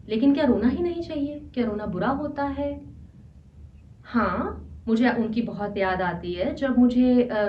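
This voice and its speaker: High-pitched woman coach talking earnestly, sounds far off and kinda muffled. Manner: earnest and conversational, mixing Hindi with English phrases. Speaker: life coach. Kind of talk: motivational talk. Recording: echoey, distant and dull.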